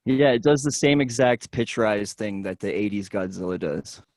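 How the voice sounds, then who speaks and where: Man, club member, low-ish voice, dry, eager, hesitant, chatty. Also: moderate pace, a little mellow, no room sound. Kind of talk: casual chat on a video call.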